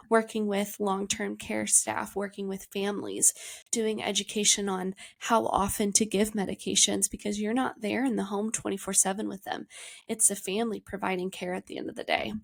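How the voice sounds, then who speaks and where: Calm hospice nurse, woman with creaky voice. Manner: calm, reassuring, confident low-inflection delivery. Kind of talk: educational talk with personal stories.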